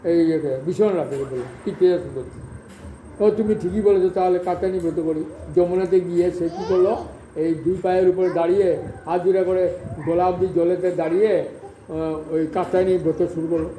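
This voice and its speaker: A man telling a devotional story in a halting way, filling pauses and searching for words. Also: high voice, steady tone, mellow, roomy sound, slight background noise, low-quality recording.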